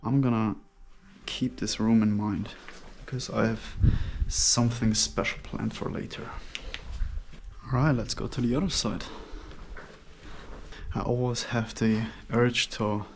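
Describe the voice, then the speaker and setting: A man speaks casually through a face mask in a musing, hushed way, narrating his solo exploration for viewers. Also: on the low side, steady tone, measured pace, slight background noise. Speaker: solo urban explorer vlogger. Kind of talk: casual exploration commentary to camera. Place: inside an abandoned hotel's rooms.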